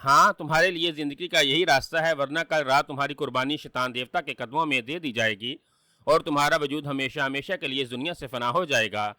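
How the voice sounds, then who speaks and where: A man's voice: on the high side, bright, forceful tone, dry recording, studio quality. A man doing a harsh, menacing evil spirit. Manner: harsh, threatening.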